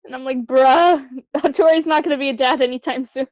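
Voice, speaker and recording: A young woman talks casually about the themes of a show. Her voice sits a little high, and she mixes thoughtful points with easy laughter. The recording is dry and close. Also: fairly even intonation, dry recording. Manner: chatty, reflective, quick to laugh. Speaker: podcast co-host. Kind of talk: casual anime discussion.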